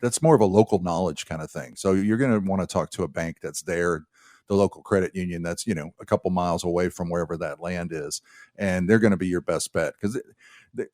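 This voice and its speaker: A man with a fairly low voice hosts a live radio show, talking through home loans in a relaxed and joking way. He restarts his sentences often. His voice sounds close and dry in the studio. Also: brisk, dry recording. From United States. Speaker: radio show host, mortgage lender. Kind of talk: casual radio talk. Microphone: studio microphone.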